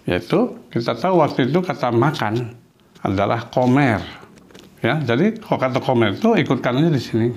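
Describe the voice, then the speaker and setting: A man teaching a language lesson, patiently explaining and repeating words and verb forms slowly. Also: medium pitch, animated, a little mellow.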